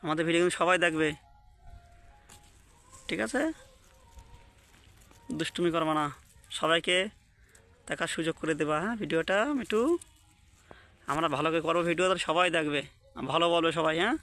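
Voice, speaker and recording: A man's voice: a little high, flat delivery, racing, bright, forceful tone, faint music behind. A man filming outdoors in fields and a flower garden, talking to his pet parrot in a coaxing, baby-talk way.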